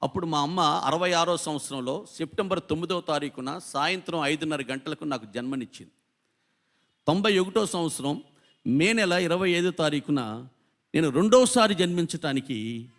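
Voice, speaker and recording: A male pastor in his fifties preaching with high, ringing intensity. He piles up phrase after phrase and lifts his voice as the sermon builds in a church. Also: lively intonation, moderate pace. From India. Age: 50s. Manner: impassioned preaching with repeated lists of words.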